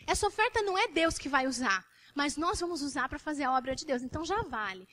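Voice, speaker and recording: A woman with a Brazilian Portuguese accent preaching a sermon to a church, telling a story with animated, repetitive emphasis. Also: high-pitched, quick pace.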